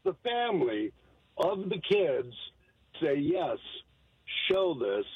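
Male caller, crackly car cell phone, fading line, dull lo-fi sound, husky, dry. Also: fairly high pitch, very animated, no echo. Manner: halting, many pauses and restarts. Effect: crackly cell phone call from a car, fading in and out. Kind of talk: call-in radio talk.

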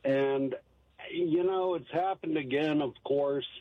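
A man calling in to a radio talk show on a crackly cell phone from his car, the line fading in and out, speaking haltingly with pauses and restarts. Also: fairly high pitch. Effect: crackly cell phone call from a car, fading in and out. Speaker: caller.

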